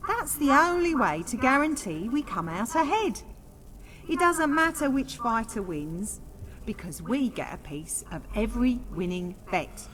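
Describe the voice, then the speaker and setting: Game casting: actress as shrewd folksy female bookmaker, lively pitch, unhurried delivery. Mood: matter-of-fact. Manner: folksy, plainspoken. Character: brisk shrewd female fight-pit bookmaker, daughter of a gambler. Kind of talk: fantasy video game character dialogue. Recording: hall reverb, faint noise.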